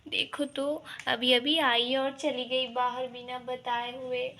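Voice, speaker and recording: A woman putting on a grumbling older village mother-in-law who scolds, nags and chuckles slyly. The voice sits high and bright, and the talk moves slowly. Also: flat delivery, full character voice. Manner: nagging, complaining, sly chuckles. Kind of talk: toy doll play-acting.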